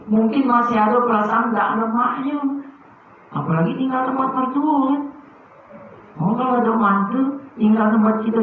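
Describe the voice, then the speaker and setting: A high-voiced man preaches a sermon full of feeling. He drops to soft tones, then pushes out loud, emphatic lines. The sound is thin and phone-like in a strongly echoing room. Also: slight background noise. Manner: emotive, swings from soft to loud emphatic bursts. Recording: very echoey, phone-like muffled sound.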